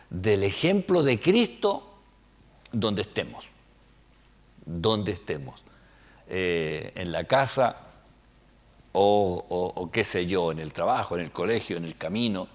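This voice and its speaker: Animated, lively-pitched pastor. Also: male voice. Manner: conversational, checks in with "¿ya?" and "¿ah?"; swings between soft asides and loud emphatic peaks. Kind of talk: Bible study sermon.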